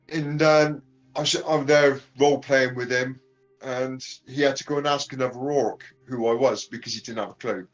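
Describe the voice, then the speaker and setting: A man chatting casually as a podcast guest, halting often with ums and restarts. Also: medium pitch, lo-fi sound. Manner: hesitant, many ums and restarts. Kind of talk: casual chat.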